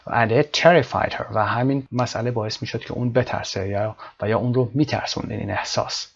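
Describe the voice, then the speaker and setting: A man's voice: medium pitch, steady tone, creaky, slight background noise. Man teaching English. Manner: explanatory, switches between English and Persian. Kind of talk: bilingual language lesson. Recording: slightly dull lo-fi recording.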